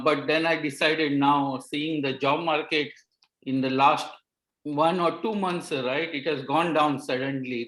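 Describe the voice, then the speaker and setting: A man who is a pathology resident gives earnest, halting advice on an online panel, with many restarts. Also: medium pitch, a bit bright. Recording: roomy echoey audio.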